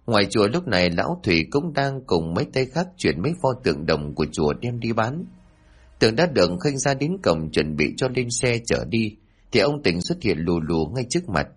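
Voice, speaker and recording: Husky-voiced man narrating a horror tale. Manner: voices the characters' shouted lines with raised pitch. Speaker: storyteller. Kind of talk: scripted horror story narration.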